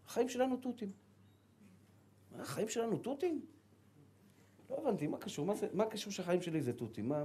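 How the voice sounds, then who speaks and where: A middle-aged rabbi from Israel giving a sermon, telling stories with lively acted-out dialogue and repeated words. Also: male voice, medium pitch, slight background noise. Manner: animated storytelling, acts out dialogue and repeats words.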